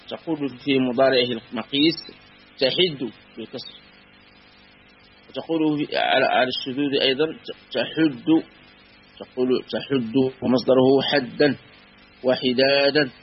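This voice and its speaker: A man teaching a classical grammar lesson, measured and patient, repeating and spelling out word forms slowly. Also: mid-range voice. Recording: dull lo-fi recording with faint hum.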